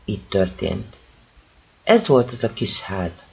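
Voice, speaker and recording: A man reading a novel aloud as an expressive first-person narration. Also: fairly low pitch, vocal fry, husky, highs cut off. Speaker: audiobook reader.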